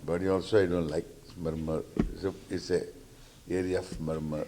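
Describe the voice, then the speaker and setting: A man's voice: low-pitched, flat delivery, dark tone, a little hiss or hum. A man with an Indian accent giving a spiritual discourse as a teacher, playful, repeating phrases and acting out questioners. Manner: halting, repeating phrases for emphasis.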